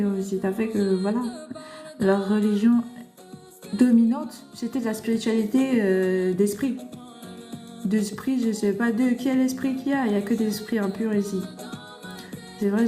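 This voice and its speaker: A woman's voice: on the high side, dark tone, reverberant. A woman preaching fervently on a live stream, scolding her listeners and firing rhetorical questions at them. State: tearful. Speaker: livestream host. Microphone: phone.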